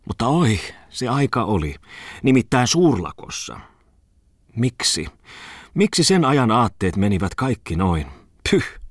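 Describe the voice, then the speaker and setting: A man's voice: mid-range voice, very animated, no room sound, clean studio sound, pitched above the performer's own voice. Guy reading a whiny drunk dreamer man, big swoops up and down, rants on and on. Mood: lamenting. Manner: whiny, pleading, rhetorical outbursts. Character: tipsy, whining idealist man, emotional ranter.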